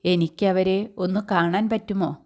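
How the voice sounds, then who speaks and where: A woman's voice: mid-range voice, fairly even intonation, measured pace, darkish tone, lightly acted. A woman voicing a bedridden older male patient who asks things in a hesitant, pleading way. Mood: worried.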